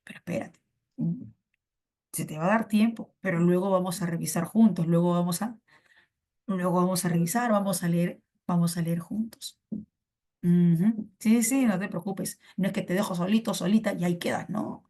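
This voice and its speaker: A woman's voice: lowish voice, normal speed, mellow. A woman teaching an online class in Peruvian Spanish, playful and coaxing, repeating her phrases as she talks to students over a computer mic.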